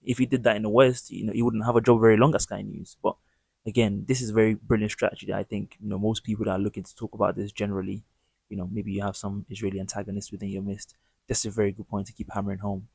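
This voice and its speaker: A man's voice: lowish voice, level tone, fast talker, gravelly, a little mellow, slightly rough, dry recording. A man hosting his own channel, giving emphatic, indignant commentary on news clips in long run-on sentences. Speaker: political commentary host.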